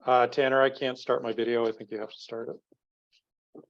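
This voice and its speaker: A man presenting in a webinar, captured as a screen recording of the video call. His voice sits at a middling pitch and sounds muffled and lo-fi, as a computer mic does. He talks haltingly and fills his pauses with "uh" and "um.". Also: level tone. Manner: halting, many "uh" and "um" fillers. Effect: screen-recorded webinar audio over a video call. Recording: dull lo-fi video call audio.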